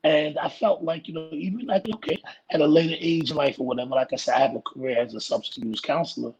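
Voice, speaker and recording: A middle-aged man with a raspy voice, chatting casually as an interview guest, rambling and laughing as he tells stories. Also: fairly high pitch, steady tone, fast talker, darkish tone, muffled recording, a little hiss or hum. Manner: laid-back, rambling storyteller who laughs often. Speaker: guest actor.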